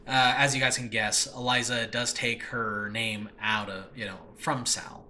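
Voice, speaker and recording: In a makeshift room of his new home, with noisy recording quality, a man hosts a casual, unscripted podcast about his own audio drama. He speaks at a measured pace with a medium pitch, a sharp tone, and fairly even intonation, rambling earnestly and putting himself down.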